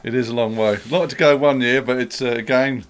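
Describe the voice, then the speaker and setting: Man, mid pitch, steady, explanatory, casual co-host. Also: a little fast, clean tone. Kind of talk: casual chat about music gear.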